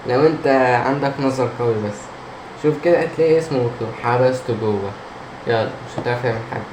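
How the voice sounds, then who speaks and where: An Egyptian man commentates a horror game in a casual, jumpy way, chatting to himself and to the characters. His mid-pitched voice sits in a roomy echo with clear background noise and hum. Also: quick pace. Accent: Egyptian Arabic. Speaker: gamer, let's player.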